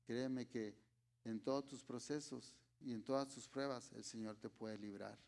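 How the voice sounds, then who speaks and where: A man with a Mexican Spanish accent preaching a sermon in a slow, deliberate way, often checking in with his listeners. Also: mid-range voice, fairly even intonation, vocal fry, a little mellow.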